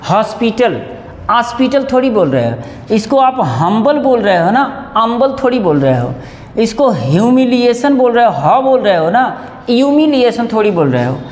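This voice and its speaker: A man teaching English grammar to exam students, repeating each example word slowly and sometimes correcting himself. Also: high voice, a little mellow. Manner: drawn-out repetition of example words; corrects himself mid-explanation. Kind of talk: classroom grammar lesson. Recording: echoey room with long reverb.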